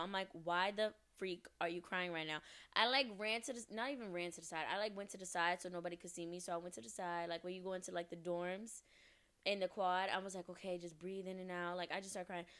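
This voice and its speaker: A woman's voice: mid-range voice, sharp tone, clean tone. A woman in her twenties, a podcast guest, telling a story casually and acting out the quoted lines.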